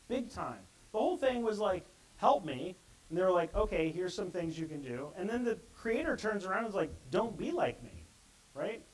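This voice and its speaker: A man's voice: high-pitched, low-quality recording. A middle-aged man giving a conversational conference talk and acting out the quotes he reads. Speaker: conference speaker.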